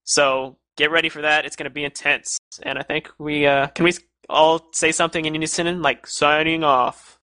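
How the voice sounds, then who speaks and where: A man's voice: on the high side, level tone, a little fast, few pauses, sharp tone, no echo. A young man casting an online game match live, joking and bantering with his co-casters. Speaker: esports caster. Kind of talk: live esports commentary wrap-up.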